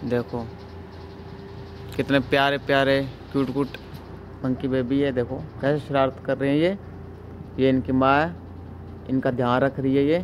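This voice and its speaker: A man's voice: mid-range voice, flat delivery, normal speed, pauses often, a little hiss or hum. A man vlogging outdoors, talking casually and coaxing animals in a playful voice. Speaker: vlogger feeding monkeys. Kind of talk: casual vlog narration.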